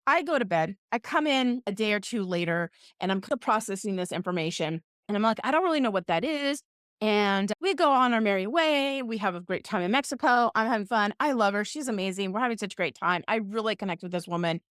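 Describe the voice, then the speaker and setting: Lively, playful woman podcast host. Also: medium pitch, a little fast, dry recording, studio quality. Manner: playful, self-mocking storyteller. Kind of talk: casual podcast monologue.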